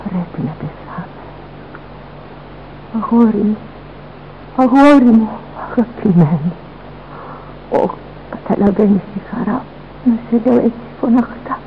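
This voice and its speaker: A woman's voice: medium pitch, pauses often, phone-quality sound, a little hiss or hum, close to an everyday voice. A woman playing a dying mother whispering farewells. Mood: tender. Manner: breathless, fading into whispers. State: dying, short of breath. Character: dying noblewoman mother, remorseful and tender. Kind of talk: theatrical radio drama acting.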